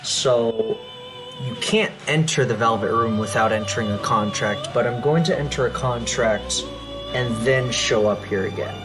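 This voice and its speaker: A man's voice: mid-range voice, measured pace. A man hosting a let's play, giving casual, musing commentary with offhand asides. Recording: loud game music behind voice.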